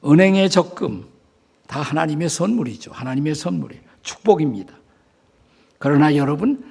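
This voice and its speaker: A man's voice: a little high, creaky, a little mellow, husky. An older man, a retired senior pastor, preaching a sermon emphatically and leading the congregation to repeat after him. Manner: emphatic preaching, leads congregation in call-and-response. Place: church sanctuary.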